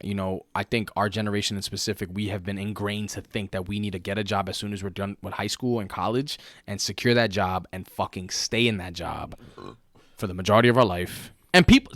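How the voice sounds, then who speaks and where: A man in his late twenties holds forth on a casual podcast, his voice sitting low. He talks in an animated, profane, slangy way, swearing freely. The sound is close and dry. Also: dry recording. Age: late 20s. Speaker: podcast co-host.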